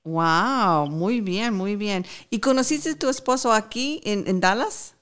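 A woman's voice: medium pitch, expressive, slow pace, a bit bright, smooth. Woman from Piedras Negras, friendly interviewer with an affirming manner. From Piedras Negras, Mexico. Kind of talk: casual interview talk.

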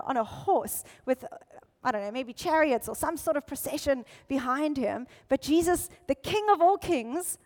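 A woman pastor giving an animated, conversational sermon. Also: high-pitched. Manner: animated, conversational Bible teaching. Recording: long hall reverb.

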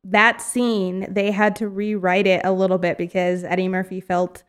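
A woman co-hosting a casual movie podcast, giggly and teasing, quick to laugh. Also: mid-range voice, little pitch movement, clear, resonant tone. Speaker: podcast co-host.

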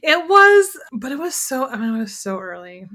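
A woman chatting casually as a podcast host, her voice bright and a touch higher than most. She laughs easily and often, and she stops and restarts her sentences as she goes. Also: very animated, normal speed. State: tired from an early recording.

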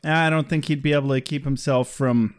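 A man's voice: mid-range voice, fairly even intonation, fairly quick, clean tone. A man co-hosting a podcast in casual chat, laughing often and tossing in jokey asides. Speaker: podcast co-host.

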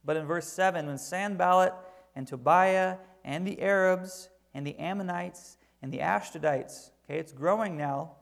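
A man's voice: high voice, normal speed, creaky. A man preaching a sermon, reading scripture aloud and then explaining it with emphasis.

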